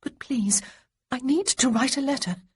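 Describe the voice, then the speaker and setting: A woman's voice: high-pitched, normal speed, slightly rough, pitched above the performer's own voice. A woman doing a breathless, pleading young lady. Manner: pleading, insistent.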